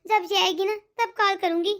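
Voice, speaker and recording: A woman voicing a worried aging mother in a cartoon, gentle and coaxing. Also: very high-pitched, fairly even intonation, moderate pace. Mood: soothing. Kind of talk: cartoon dialogue.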